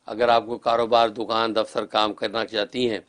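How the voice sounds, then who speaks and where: Man, dream interpreter, call-in show, calm advising tone, flat level delivery. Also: fairly low pitch. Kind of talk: religious call-in dream reading.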